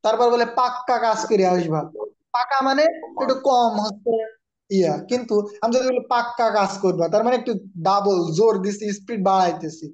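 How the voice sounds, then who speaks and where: A man's voice: high-pitched, a little fast, lo-fi sound. A man with a Bangladeshi Bengali accent teaching an online exam-prep grammar class, who explains patiently and calls on students by name.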